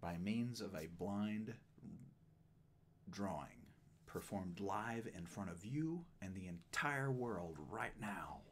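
A man hosting his own channel, making a mock-grand, self-mocking announcement in a pompous, drawn-out way. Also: on the low side, animated, a little hiss or hum. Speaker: host of a card-break channel.

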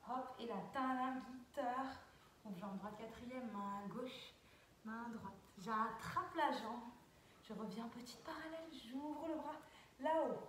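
A woman's voice: fairly high pitch, a little hiss or hum. Woman calling dance steps in echoey studio. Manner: counts and calls steps with sound cues. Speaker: dance teacher. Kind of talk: talking through a dance routine. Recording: very echoey, far from mic.

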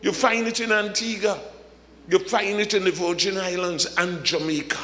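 A man preaching a sermon as a pastor, from the Caribbean, swinging from shouted high points to humorous asides. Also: fairly even intonation, moderate pace, reverberant, big-room sound.

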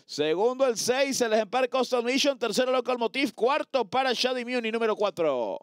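A man calling a horse race live as commentator, in an excited motorsport-style manner with drawn-out calls. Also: extremely high pitch, clean tone, dry recording, studio quality.

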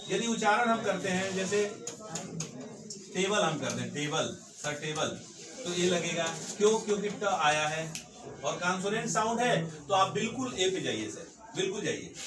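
A man teaching an English grammar lesson, emphatic and repetitive, often adding "sir" as he drives his points home. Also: high-pitched. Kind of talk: classroom-style grammar lesson. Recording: echoey room, mic far off, background noise.

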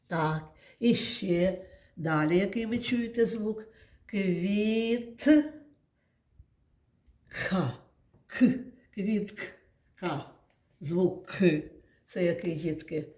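A woman teacher speaks slowly and patiently to small children, stretching out sounds and syllables as she guides them. Her voice sits a little low, and the room around her rings with echo. It is a calm classroom lesson. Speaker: kindergarten teacher. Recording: echoey room.

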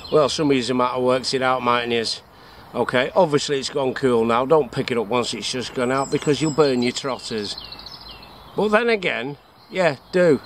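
A jokey, chatty middle-aged English bushcraft vlogger with a medium-pitched voice shows his gear in a casual outdoor demonstration at a woodland camp, asking himself questions before answering them. He's filmed on an action camera on his chest or a tripod, with birdsong and faint outdoor noise in the background.

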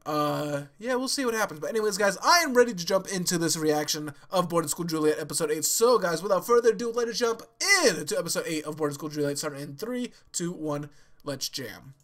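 In a small bedroom with yellow walls, a young anime reaction host chats casually to camera through a headset. His high, bright voice is muffled by a stuffy nose and sore throat, and he rambles, laughs and restarts sentences, with lively intonation and a slightly fast pace.

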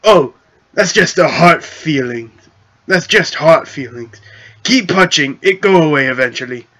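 A man voicing a petty, hostile male goblin chief who talks in blunt broken grammar with a gruff, bossy manner. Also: on the high side, lively intonation, measured pace, pushed and bright, full character voice. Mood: dismissive.

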